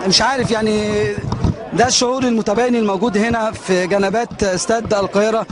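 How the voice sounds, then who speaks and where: A man's voice: sits high, steady tone, quick pace. A man with an Egyptian accent working as a reporter, doing an on-the-spot interview and prompting with short questions. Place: outside a large stadium. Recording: outdoor crowd noise behind. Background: crowd and urban outdoor noise.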